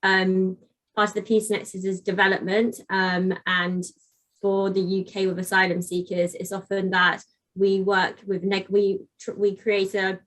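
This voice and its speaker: A woman's voice: medium pitch, monotone, unhurried, a bit bright. A woman speaking on a panel, thoughtful and often restarting her sentences. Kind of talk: panel discussion.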